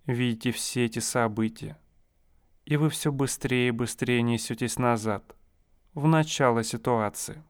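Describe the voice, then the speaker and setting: A man guiding a listener through a hypnosis session, speaking in slow, soothing, suggestive phrases. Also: mid-range voice, clear, resonant tone, dry recording, studio quality.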